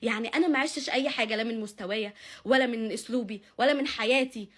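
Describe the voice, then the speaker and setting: Give me a young Egyptian woman venting to camera in a rapid torrent of words. Her voice sits high, and she repeats lines with heated indignation. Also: fairly bright tone. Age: young adult. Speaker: vlogger. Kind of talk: angry personal confession to camera.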